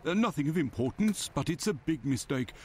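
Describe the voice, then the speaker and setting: A man's voice: fairly high pitch, lively intonation, a little fast, slight background noise. A man playing a dutiful, slightly naive male police constable in a video game, polite and hesitant.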